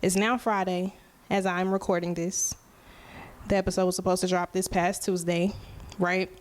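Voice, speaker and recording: With a lowish voice and little pitch movement, a twenty-something woman talks casually and candidly to listeners on her solo podcast. She is a musician as well as the host, and her unhurried, conversational delivery often includes a "right?".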